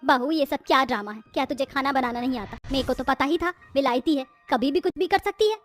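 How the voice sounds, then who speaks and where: A woman voicing a bossy, sharp-tongued village mother-in-law in a cartoon story, speaking bluntly. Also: high voice, quick pace, faint music behind, close to an everyday voice. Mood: scolding. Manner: scolding, blunt.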